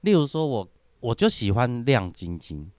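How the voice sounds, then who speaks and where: A man's voice: medium pitch, sing-song, normal speed, darkish tone, no room sound, studio quality. A man, a podcast guest chatting casually and laughing often as he tells stories. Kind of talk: casual chat.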